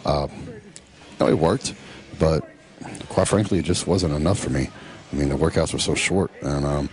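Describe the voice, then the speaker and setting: A middle-aged man, casually narrating in a laid-back, drawn-out way full of fillers. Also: very deep voice, darkish tone. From Texas. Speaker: professional bodybuilder.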